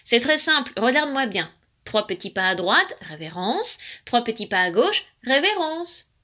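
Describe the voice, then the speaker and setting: A woman's voice: a little high, sing-song, moderate pace, bright, forceful tone, exaggerated voice. A woman voicing a prim male wood pigeon teaching dance steps in a children's story. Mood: instructive. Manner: precise, instructive.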